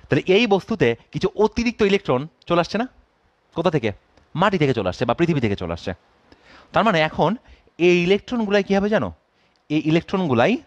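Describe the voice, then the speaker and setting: A man's voice: on the high side, no echo, dull audio. A man giving a physics class, checking in with students and dropping English phrases into his explanations. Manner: asks students constant check-in questions; drawing and counting aloud at a board. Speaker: physics teacher. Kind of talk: classroom lecture.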